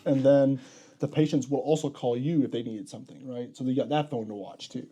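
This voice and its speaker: A man's voice: mid-range voice, fairly quick, slightly rough. A young man, a podcast guest, chatting casually about his emergency room job, rambling and correcting himself as he goes. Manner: rambling, self-correcting, animated retelling. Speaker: podcast guest, ER health unit coordinator.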